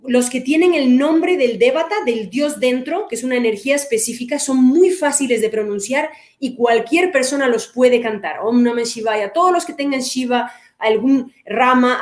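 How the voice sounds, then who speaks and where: A woman hosting an interview who summarizes and translates the guest's answers clearly. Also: high voice. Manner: summarizing clearly, switching between English and Spanish. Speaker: host and interpreter. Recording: roomy echo.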